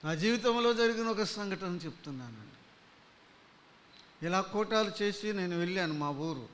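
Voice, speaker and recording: A man preaching a gospel sermon, impassioned, swinging from loud pleas to hushed storytelling. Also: sits high, animated, normal speed.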